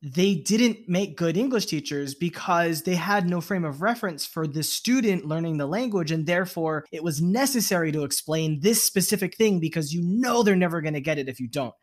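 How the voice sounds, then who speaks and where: A podcast host with a somewhat high male voice, speaking in a relaxed, reflective way. He strings thoughts together with frequent "like" and an easy conversational rhythm. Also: a little fast, hardly any pauses. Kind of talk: casual interview talk.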